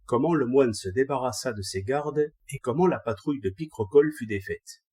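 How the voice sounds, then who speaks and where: Brief: male audiobook reader, mellow and husky, steady storybook narration. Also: mid-range voice, brisk, soft background music. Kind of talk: scripted narration of a classic text.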